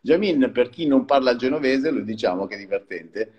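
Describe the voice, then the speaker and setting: A man's voice: medium pitch, fairly quick, in a large hall, highs cut off. A man, founder of a small wine company, explaining his business in a chatty live-stream interview and laughing often. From Liguria.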